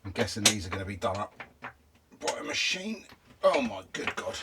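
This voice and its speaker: A middle-aged UK travel vlogger, voice on the low side with big pitch swings, talks at normal speed while muttering through motorhome repairs. It's casual, grumbling self-talk. The camera mic is set down nearby, giving a noisy recording with clicks.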